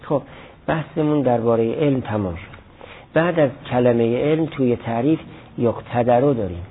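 A man's voice: medium pitch, husky. A man teaching a class on Arabic grammar, explaining step by step with examples and answering students' questions. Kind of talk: classroom lecture. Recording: lo-fi phone-like recording.

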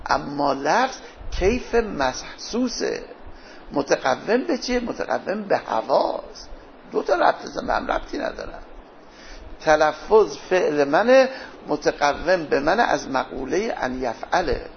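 A man's voice: fairly high pitch, big pitch swings, gravelly, slight background noise. A man teaching a philosophy class, posing questions to his students and answering them himself. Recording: dull lo-fi lecture recording.

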